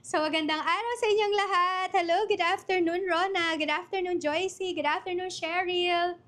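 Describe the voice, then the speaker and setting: A woman's voice: extremely high pitch, steady tone, normal speed, a bit bright. A Filipino woman hosting a live online workshop, her voice a bit worn from a recent cough and flu, chatting casually and greeting viewers one by one by name. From Philippines. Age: adult mother. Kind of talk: casual live-stream chat.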